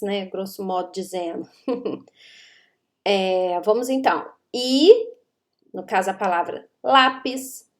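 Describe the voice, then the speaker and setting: A woman's voice: a little high, darkish tone. A woman, a grammar teacher who explains rules step by step and checks understanding with rhetorical questions. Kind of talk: explanatory online lesson.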